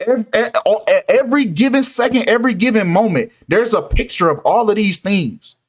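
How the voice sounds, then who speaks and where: A man talking in an animated, insistent way in a casual commentary video, often repeating "right?" and "come on, man". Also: high voice, moderate pace, breathy edge.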